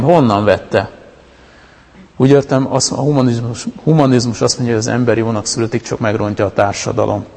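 Male preacher, conversational sermon delivery, gravelly texture, long hall reverb. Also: medium pitch, a little mellow. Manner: conversational, with many restarts and fillers. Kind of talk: informal sermon talk.

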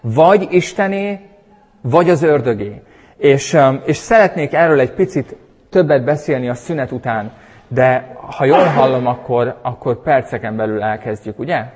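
A man preaching a sermon and leading a prayer, emphatic and animated, with sudden loud bursts. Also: mid-range voice, slight background noise. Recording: husky voice in a long-reverb hall.

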